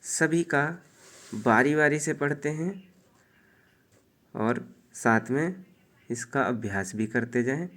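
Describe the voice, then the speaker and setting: A man teaching children the alphabet and vowel signs, slowly reading out syllables one by one with patient explanations in between. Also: mid-range voice, expressive, a bit bright. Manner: slow, drawn-out syllables read aloud one by one. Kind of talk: children's Hindi alphabet lesson.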